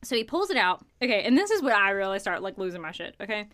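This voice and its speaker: A young woman co-hosting a podcast, excitedly retelling a ghost investigation in casual chat with lots of fillers. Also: medium pitch, quick pace. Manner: animated, filler-heavy retelling of a ghost hunt. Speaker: podcast co-host.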